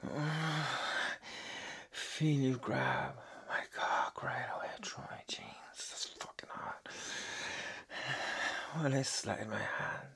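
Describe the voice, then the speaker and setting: A man speaking an intimate monologue, mostly in a hushed, breathy whisper that lingers on each phrase. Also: medium pitch, slow, long pauses.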